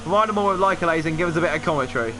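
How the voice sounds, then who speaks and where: A man commentating casually on a livestreamed race, chatty and excitable, who can't pronounce his R and TH sounds, saying w for r. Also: very fast, over music. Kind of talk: casual live sim-racing commentary with banter. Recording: noisy mic with engine rumble.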